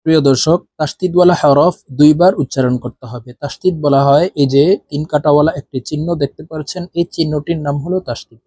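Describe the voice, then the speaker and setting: A man teaching Quran reading, spelling out letters and vowels slowly so learners can repeat after him. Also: a little high, steady tone, mellow, breathy edge, dry recording. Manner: slow, drawn-out spelling of each letter and vowel. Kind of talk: spelling-out recitation lesson.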